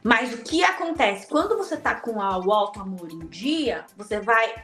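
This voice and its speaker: A woman's voice: medium pitch, moderate pace, echoey room, faint music behind. A middle-aged woman, a podcast guest talking casually and acting out the dialogue in her stories. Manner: animated storyteller, acts out quoted dialogue. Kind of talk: casual interview chat.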